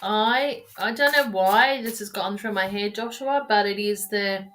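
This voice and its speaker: Her mid-range voice moves a little slowly and sounds fairly bright, with a little hiss or hum underneath. She's a woman reading tarot casually for a live-stream audience, affectionate and talkative, often rambling and starting sentences over, captured on a webcam or phone mic.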